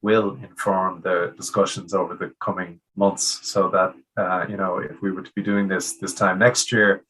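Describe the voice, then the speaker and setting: A man's voice: low-pitched, level tone, normal speed, hardly any pauses, fairly bright tone, rough recording. A man being interviewed as a trade union guest, speaking with frequent fillers and restarts. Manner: hesitant, many restarts and fillers. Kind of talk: conversational interview.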